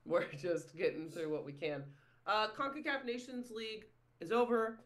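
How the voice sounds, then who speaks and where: A man's voice: high-pitched, steady tone, moderate pace, a bit bright. A man hosting a casual sports podcast, chatty and self-deprecating, often saying "if you will". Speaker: podcast host.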